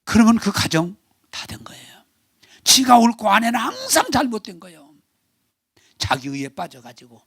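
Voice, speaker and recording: A male pastor preaching a Sunday sermon in Korean, animated, acting out quarrelling family members. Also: very high-pitched, normal speed, pauses often, breathy edge, no room sound, studio quality. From South Korea. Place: church sanctuary.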